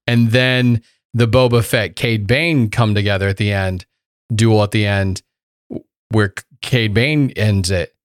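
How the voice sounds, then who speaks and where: A man's voice: lowish voice, a little slow, clean tone, no echo, clean studio sound. A man co-hosting a podcast, chatting enthusiastically about a TV series and acting out his reactions. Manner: enthusiastic, animated retelling with acted asides. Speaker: podcast co-host. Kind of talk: casual chat about a TV series.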